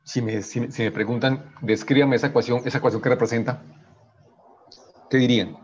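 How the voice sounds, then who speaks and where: A man's voice: mid-range voice, steady tone, a little fast, highs cut off, slight background noise. A man teaching an engineering class online, working through equations step by step and checking in with "right?" after each step, often restarting his sentences. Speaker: engineering professor.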